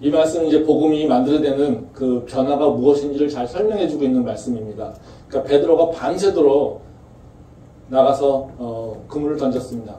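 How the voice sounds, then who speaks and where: A man's voice: medium pitch, warm tone. Guy preaching a sermon, asks the room questions, roomy church, mic far away. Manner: conversational preaching with rhetorical questions. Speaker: pastor. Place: campus church sanctuary. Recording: echoey church room from far off, faint noise.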